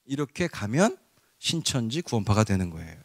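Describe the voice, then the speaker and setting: A man preaching a sermon in an animated way, rising to loud cries. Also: on the low side, fairly quick, dry recording, clean studio sound. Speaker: pastor.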